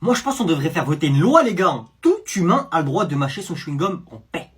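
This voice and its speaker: A man's voice: on the high side, sing-song, fast, slightly rough. A young man performing one-man comedy sketches, switching between characters.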